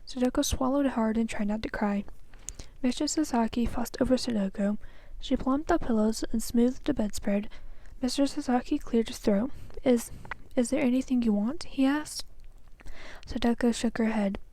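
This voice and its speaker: A woman student reads a children's novel aloud with a soft, breathy delivery. Her voice sits fairly high but sounds mellow rather than bright, and she reads carefully, stumbling now and then. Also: moderate pace. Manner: careful, soft reading with small slips. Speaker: student reader.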